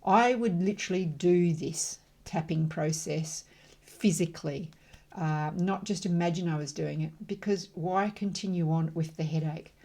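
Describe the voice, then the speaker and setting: This guided tapping demonstration is led by a middle-aged woman with a lowish voice. She moves between calm, chatty explanations and affirmation phrases repeated at a slow, steady rhythm.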